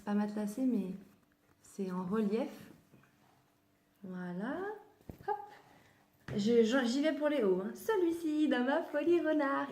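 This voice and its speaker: A woman's voice: fairly high pitch, mellow. A woman chatting casually through a clothing haul, often stopping to correct herself mid-sentence. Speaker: vlogger showing children's clothes. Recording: echoey room.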